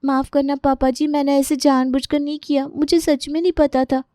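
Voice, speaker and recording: A woman's voice: high-pitched, little pitch movement, moderate pace, dark tone, no room sound, studio quality, voice pushed up, close to an everyday voice. A woman voicing a meek, anxious young bride in a cartoon story, apologetic and pleading.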